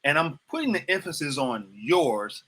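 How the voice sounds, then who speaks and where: A man's voice: a little high, sing-song, normal speed, fairly bright tone, breathy edge. A man in his fifties hosting a livestreamed motivational talk, preaching to viewers, repeating phrases and asking them questions directly. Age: 50s. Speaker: host.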